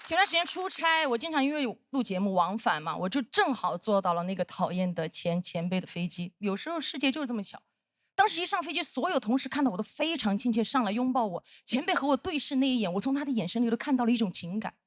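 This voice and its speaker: A woman's voice: on the high side, lively intonation, fast talker, no echo, clean studio sound. A woman in her thirties performing brash, punchy stand-up comedy on a stage before an audience. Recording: noisy live stage recording.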